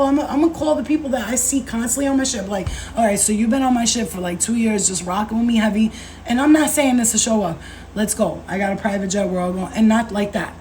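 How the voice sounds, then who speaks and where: A woman in her thirties hosting a casual livestream as a spiritual coach, talking in an animated, slangy way, swearing freely and calling viewers babe and baby. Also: fairly high pitch, a little hiss or hum, low-quality recording. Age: 30s.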